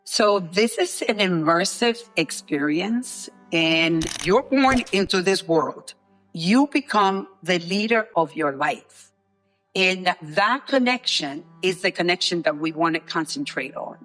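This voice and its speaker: A woman's voice: on the low side, animated, slow, a bit bright. Interview guest, woman from the Dominican Republic, eager and emphatic, faint music underneath. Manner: enthusiastic, emphatic, repetitive. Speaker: guest, co-founder of a leadership program. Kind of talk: interview answers.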